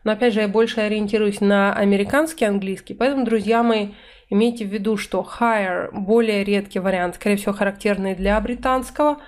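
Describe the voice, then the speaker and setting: Speaking from an indoor room, with her webcam tucked into a corner of the slides, a thirtysomething English teacher goes over vocabulary in Russian. She reads the English phrases slowly and clearly, her mid-range voice keeping a steady tone.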